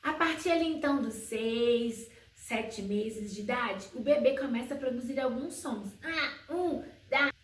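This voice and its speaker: A woman who teaches homeschooling explains things to parents in an educational video, slowly asking questions and then answering them herself. She sings baby words in a high, sing-song voice. The recording has a roomy echo, and she's slightly far from the mic.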